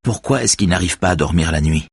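A man voicing a shaken, grieving adult man who speaks tensely and haltingly in an audiobook. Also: low-pitched, lively intonation, creaky, breathy edge, no echo, studio quality, heavily acted.

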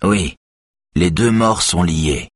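A man voicing a calm male detective who speaks slowly and firmly. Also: sits low, dry recording, clean studio sound. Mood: measured. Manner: slow, firm.

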